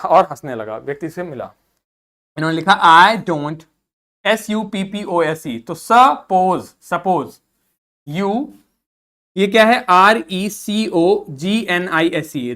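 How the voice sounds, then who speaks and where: A woman teaches English, reading a text slowly word by word, translating each line into Hindi and asking her students how words are read. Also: on the low side, a bit bright. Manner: reads slowly word by word, then translates and asks questions.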